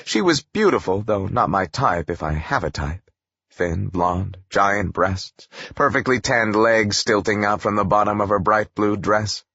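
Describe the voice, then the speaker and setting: A man narrating a first-person audiobook in a wry, expressive storytelling manner. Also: on the low side, measured pace, gravelly, breathy edge, no echo, highs cut off.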